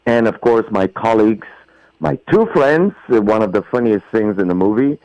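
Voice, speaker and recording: A man's voice: fairly low pitch, expressive, moderate pace, darkish tone, dry recording. Effusive Bulgarian-accented man on a phone line. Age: middle-aged. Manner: effusive, emphatic, non-native phrasing. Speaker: actor guest. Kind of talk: phone interview.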